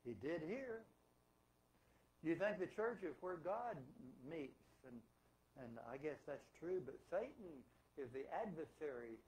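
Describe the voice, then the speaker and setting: A man's voice: on the high side, lively intonation, measured pace, darkish tone, poor audio. A man preaching a sermon as pastor in a church, emphatic and asking rhetorical questions. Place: church sanctuary.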